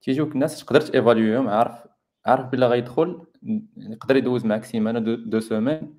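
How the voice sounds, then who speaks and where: A man's voice: mid-range voice, very fast, a little mellow. A man with a Moroccan accent explaining casually in a discussion, dropping in borrowed terms. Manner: explanatory, mixing in French terms.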